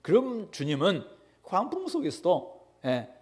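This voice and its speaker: A male pastor delivering a conversational sermon. His fairly high voice rises and falls expressively. He often pauses on fillers and poses rhetorical questions. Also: wildly swooping pitch, darkish tone, breathy edge.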